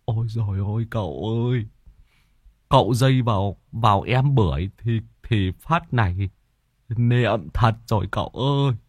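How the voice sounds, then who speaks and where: A man's voice: a little high, animated, moderate pace, no room sound, muffled recording, voice pushed up. Man doing a stammering panicky old helper. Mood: lamenting. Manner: stammering, lamenting.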